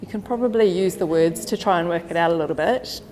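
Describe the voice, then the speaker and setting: A woman's voice: fairly low pitch, quick pace, darkish tone. Chatty New Zealand woman presenting. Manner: chatty, laughs often, restarts. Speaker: career counsellor presenting. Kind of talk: informal workshop presentation. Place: meeting hall with audience. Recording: long hall reverb.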